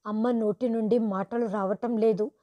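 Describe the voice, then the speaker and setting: A woman telling a first-person story in a steady, earnest scripted narration. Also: on the high side, moderate pace, highs cut off.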